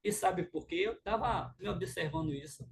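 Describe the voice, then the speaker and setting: A middle-aged man with a Brazilian Portuguese accent, lecturing an audience in a lively, informal way and acting out little scenes. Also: high-pitched, normal speed, a little hiss or hum. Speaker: speaker at a relationship talk.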